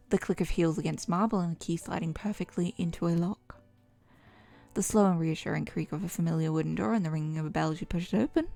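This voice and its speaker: A woman's voice: fairly low pitch, darkish tone. A young woman streaming, chatting casually and reading quiz answers aloud with dramatic flair. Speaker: VTuber streamer. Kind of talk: casual chat.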